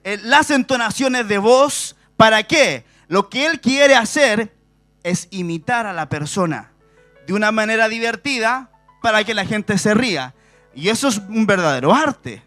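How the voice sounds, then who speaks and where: A man's voice: high-pitched, animated, a little slow, pushed and bright, faint music behind. A middle-aged man with a Chilean accent preaching a sermon, asking the congregation rhetorical questions and stressing key words. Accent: Chilean Spanish. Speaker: pastor. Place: church stage before a congregation.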